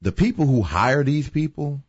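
A man's voice: mid-range voice, animated, normal speed, breathy edge, no room sound, highs cut off. A man co-hosting a casual talk show, arguing his points emphatically, with sarcastic asides. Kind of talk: casual opinion chat.

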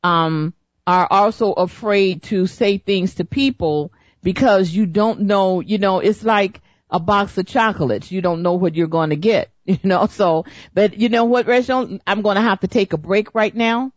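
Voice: mid-range voice, moderate pace, no room sound. A middle-aged host on a talk broadcast, rambling and searching for words as they speak. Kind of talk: casual radio talk. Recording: dull lo-fi recording.

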